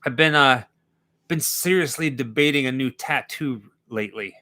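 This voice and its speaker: A man's voice: mid-range voice, normal speed, pushed and bright. A man in his forties co-hosting a livestream, joking casually and thanking viewers. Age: 40s. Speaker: co-host of a horror watch-party stream.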